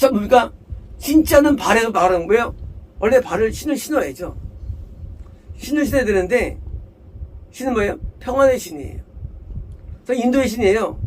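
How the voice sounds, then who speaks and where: A man's voice: very high voice, expressive, moderate pace, long pauses, a little hiss or hum, poor audio. A male pastor preaching an expository sermon. He keeps asking questions and answering them himself, mixes English scripture words into his speech, and scolds his hearers bluntly. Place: church in Seattle.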